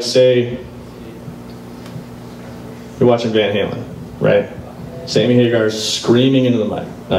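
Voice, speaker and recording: Speaking through a handheld mic at a music store, a middle-aged man explains guitar technique in a casual live demo, stopping now and then to play examples. His voice is mid-range and slightly mellow; the distant, roomy recording has a bit of hiss or hum and guitar in the background.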